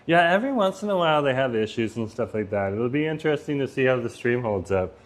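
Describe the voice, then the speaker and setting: An animated man talks fast while casually chatting on a phone-recorded live stream from a Vietnamese restaurant. He reads chat messages aloud, laughs often, and mentions he has a loud voice before lowering it.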